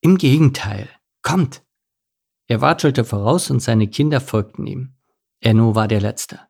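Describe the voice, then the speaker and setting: A man narrating a children's animal story in a lively, playful storybook manner. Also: medium pitch, moderate pace, vocal fry.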